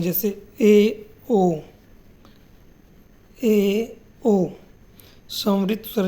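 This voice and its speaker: A woman teaching a grammar lesson, asking her students questions and answering them herself, and repeating sounds slowly for them to copy. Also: mid-range voice, dark tone.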